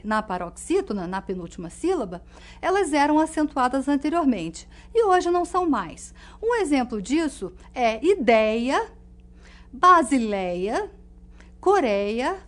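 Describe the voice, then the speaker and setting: Woman teacher, high voice, clear and didactic, slows down on the examples. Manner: clear didactic explaining, stresses example words slowly. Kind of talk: recorded online lesson.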